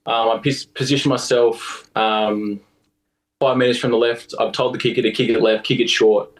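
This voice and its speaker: A man's voice: medium pitch, level tone, moderate pace, poor audio. A young Australian man, a rugby player guest, telling long stories in a loose, rambling way with plenty of fillers. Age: young adult. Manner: rambling, lots of fillers and laughs. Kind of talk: casual storytelling.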